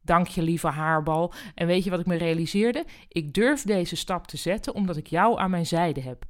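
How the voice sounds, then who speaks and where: A woman's voice: fairly low pitch, normal speed, lightly acted. A woman reading as an eager male guinea pig. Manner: eager, upbeat.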